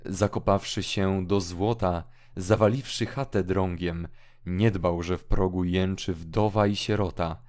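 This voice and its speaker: A man's voice: low-pitched, steady tone, a little slow, a little mellow. A man reading an audiobook drama, voicing an anguished young hermit who talks in a mournful, agitated way. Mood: brooding. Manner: mournful, rising into agitated outbursts. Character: anguished young male hermit, feverish and brooding.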